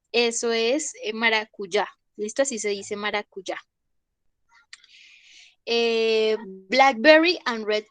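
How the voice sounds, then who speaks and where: A young woman, teaching an English vocabulary class online. She goes slowly, says each word twice and checks in with the class. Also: on the high side, a bit bright, no echo. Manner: slow, repeats each word and asks "¿listo?".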